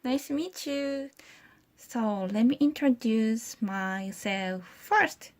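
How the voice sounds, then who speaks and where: In a casual vlog partly shot in a convenience store, a Japanese woman appears as a guest vlogger, speaking English as a second language in a Japanese accent. She talks in a shy, halting way. Her voice is on the high side and darkish in tone, with a little hiss or hum.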